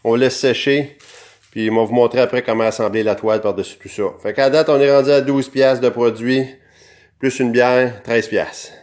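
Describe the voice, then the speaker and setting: Man, altered voice, Québécois accent, mid pitch, casual DIY host, chatty. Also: fairly even intonation, normal speed, darkish tone. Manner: chatty, talks directly to viewers. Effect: electronically altered voice. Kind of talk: casual how-to explanation.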